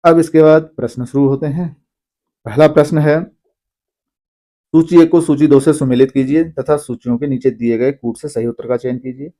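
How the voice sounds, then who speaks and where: A man teaching an exam-prep lesson, reading long lists of names slowly and pausing to explain. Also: mid-range voice, steady tone, warm tone. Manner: reads names slowly, apologizes for pronunciation.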